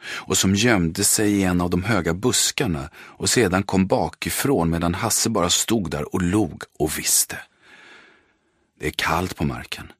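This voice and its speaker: A man narrating an audiobook in measured, terse, dramatic sentences. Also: deep voice, fairly bright tone, slightly rough, dry recording, clean studio sound. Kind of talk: scripted narration.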